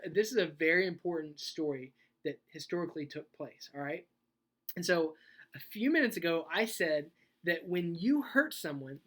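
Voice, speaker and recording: Woman giving a lively youth sermon. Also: lowish voice. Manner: casual, animated storytelling with frequent "okay?" check-ins. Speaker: youth pastor. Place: church youth service.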